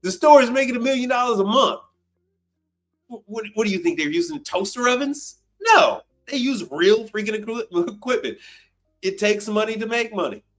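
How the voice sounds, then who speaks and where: A man in his fifties who services commercial appliances hosts an unscripted livestream, responding to viewers' questions. His high, slightly bright voice is animated at a normal speed, and he talks bluntly and emphatically, swearing freely and repeating phrases.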